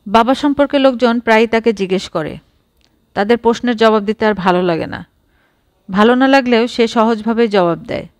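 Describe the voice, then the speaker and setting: A woman narrating a short story for an audiobook, calm and even. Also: on the high side, fairly quick, no room sound.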